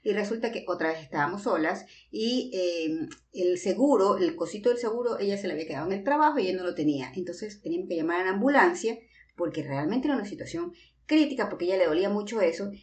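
An Ecuadorian woman telling family stories in a casual chat with her sister, animated and acting out the voices of the people in her stories. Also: mid-range voice, quick pace. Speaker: podcast co-host. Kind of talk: casual storytelling between sisters.

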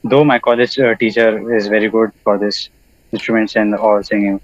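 A young man from India, chatting casually on a podcast, halting with fillers. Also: lowish voice, little pitch movement. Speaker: podcast participant. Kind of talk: casual chat. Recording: dull lo-fi mic.

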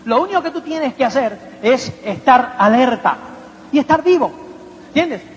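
A man with a very high voice gives a motivational seminar talk, peppering it with rhetorical questions and playful mimicry. His voice rings with a long hall echo, and the recording sounds dull and lo-fi, with a faint hiss behind it. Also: animated, normal speed. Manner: rhetorical, keeps asking "¿me entiendes?"; acts out little quoted voices and anecdotes. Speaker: motivational speaker.

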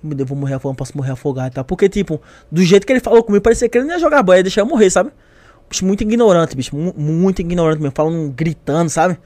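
A young man telling a story in casual chat, animated and acting out the voices of others. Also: high voice, very fast, no room sound. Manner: animated, acts out voices, lots of slang.

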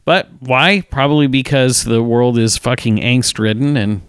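A man co-hosting a casual podcast chat, relaxed and swearing freely. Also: medium pitch, normal speed, smooth, no echo, studio quality. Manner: relaxed, swears casually, says "you know" a lot. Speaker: podcast co-host.

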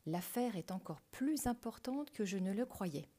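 A woman's voice: medium pitch, lively intonation, a little slow, dark tone. A woman voicing a grumpy middle-aged police commissioner in a storybook reading, barking and impatient. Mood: grave.

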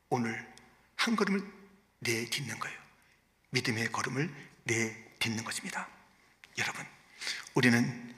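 A man preaching a sermon as pastor, swinging between loud, stirring lines and hushed, almost whispered storytelling. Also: a little high. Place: church sanctuary. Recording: reverberant church hall.

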